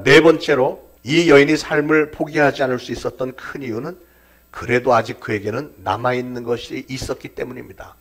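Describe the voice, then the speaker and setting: A man preaching a sermon as pastor, building to emphatic peaks and dropping to quiet, near-whispered endings. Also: medium pitch.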